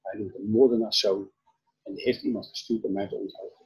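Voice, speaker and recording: A man preaching, retelling a Bible story with animated storytelling and acted-out dialogue. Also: on the low side, fairly quick, slightly rough, muffled recording. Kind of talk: Bible teaching, retelling scripture.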